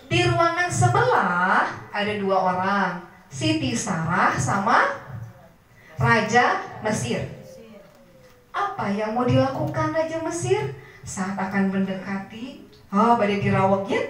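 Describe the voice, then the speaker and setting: A woman with a Sundanese-tinged Indonesian accent, a religious teacher telling a story in an animated sermon and asking her listeners questions. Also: fairly high pitch, a little slow, long pauses. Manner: animated, asks the audience questions. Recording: very echoey hall, far from the mic.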